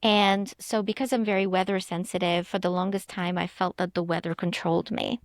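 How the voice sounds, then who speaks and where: A woman's voice: fairly low pitch, fairly even intonation, fairly quick, no echo, studio quality. A woman from Ukraine, a psychologist answering interview questions in an earnest, explanatory way. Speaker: psychologist guest.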